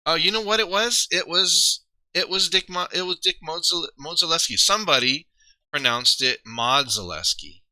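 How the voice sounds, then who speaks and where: A man's voice: high voice, moderate pace, pushed and bright, no echo. A man streaming live, rambling casually to his viewers, trailing off and poking fun at himself. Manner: rambling, self-deprecating, trails off and restarts.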